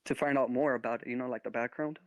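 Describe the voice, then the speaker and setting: Casual man, medium pitch, very dry sound. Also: fairly even intonation, fast, no room sound. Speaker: co-commentator on a reaction stream. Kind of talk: casual chat, slangy.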